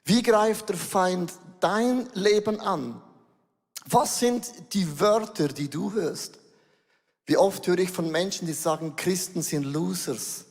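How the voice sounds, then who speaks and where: Middle-aged Swiss German preacher, animated delivery with slow stressed words, large reverberant hall. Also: male voice, sits high. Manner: animated, shifts between slow emphatic words and rapid bursts. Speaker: pastor. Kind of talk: sermon.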